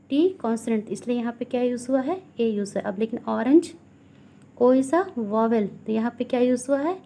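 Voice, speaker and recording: Indian woman teacher, mellow voice, slow careful reading, question-and-answer explaining, grammar lesson. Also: fairly high pitch. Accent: Indian English. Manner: reads English slowly, explains quickly in Hindi with questions.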